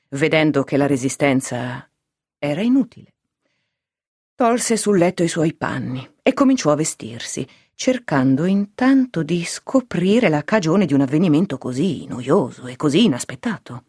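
A reader narrating a classic novel aloud in a measured, expressive storytelling manner. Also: mid-range voice, no room sound, clean studio sound. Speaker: audiobook reader.

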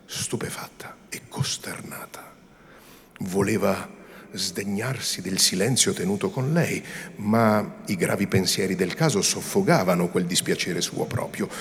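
A man, an actor, reading a novel aloud in a measured, dramatic style that often drops to a hush. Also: low voice, creaky, a little hiss or hum. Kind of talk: theatrical literary reading.

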